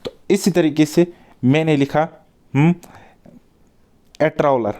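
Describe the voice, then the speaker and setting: A male teacher giving an exam-prep grammar lesson, coaxing his students with repeated words and quick questions. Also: fairly high pitch, a little mellow.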